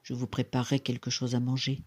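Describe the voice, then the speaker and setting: Kind young husband, gentle and anxious, husky tone, read by a storybook narrator. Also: mid-range voice, big pitch swings, normal speed. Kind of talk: storybook character voice.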